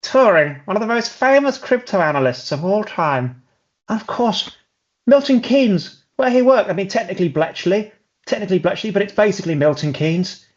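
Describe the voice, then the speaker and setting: A man voicing a theatrical evil male villain professor in a high, loud, exclaiming voice. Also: expressive, moderate pace, lo-fi sound. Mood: grandly exclaiming.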